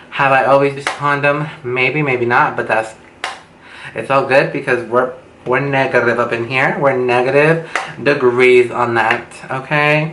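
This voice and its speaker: A man's voice: medium pitch, bright, forceful tone. A young man in a casual storytime vlog, chatty, campy and dramatic, his speech slightly lisped from wearing retainers. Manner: campy, dramatic, gossipy delivery with drawn-out words. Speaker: beauty vlogger telling a story. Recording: echoey room with faint background noise.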